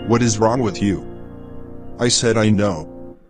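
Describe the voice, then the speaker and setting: A man's voice: on the low side, slow pace. A man playing a stern, preachy boss. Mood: probing. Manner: probing, then preachy. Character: stern but caring boss counseling a guilty worker. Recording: loud music behind.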